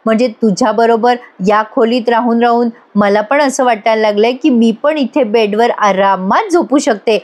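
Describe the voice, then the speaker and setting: A sly young wife, sweetly mocking and always teasing, as a woman recapping a serial puts her on. She draws her lines out slowly with a playful, knowing lilt, set a little above a plain speaking voice. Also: fairly high pitch, lightly acted.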